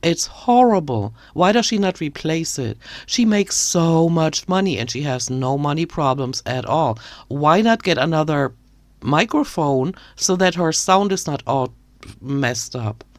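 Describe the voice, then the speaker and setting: A woman's voice: sits low, animated, a little slow, dry recording. A woman giving critical commentary on another creator, talking in an indignant, ranting way. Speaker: commentary youtuber.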